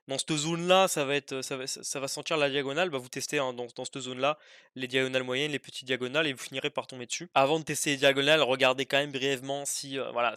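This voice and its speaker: Young male tutor, bright and crisp, thinks aloud, dry close mic. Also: medium pitch, no room sound. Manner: thinks aloud, hesitant with many fillers. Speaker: test-prep tutor. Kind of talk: informal worked-example lesson.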